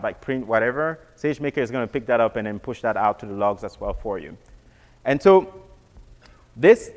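Man, casual tech presenter, stop-start delivery, long reverb on the voice. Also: mid-range voice. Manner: casual, repeats words and restarts often. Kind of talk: technical walkthrough.

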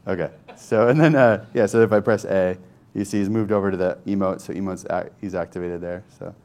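Man, deep voice, screen-share tech demo, thinking aloud, conversational. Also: brisk, a little mellow. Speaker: software developer demoing a tool.

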